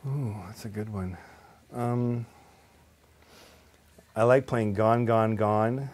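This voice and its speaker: A man's voice: fairly low pitch, steady tone, slow, darkish tone. A man from California, a guitarist being interviewed at his home, chatting casually, laughing often and acting out little quoted lines as he tells stories. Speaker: guitarist guest. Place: at his home estate by the pool.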